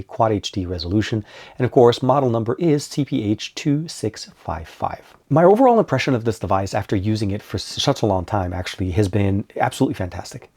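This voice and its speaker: Man, husky voice, getting over a cold, quick delivery, upbeat tech review vlog. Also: on the low side, mellow. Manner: upbeat and informal, addresses viewers as you guys.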